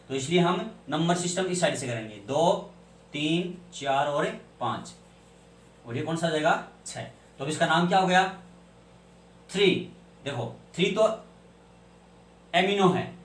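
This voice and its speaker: Male teacher, fairly high voice, quizzing and answering himself, roomy echo. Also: far from the mic. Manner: asks questions and answers them himself, spells out names. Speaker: chemistry teacher. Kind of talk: classroom lecture. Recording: echoey room, voice from off-mic.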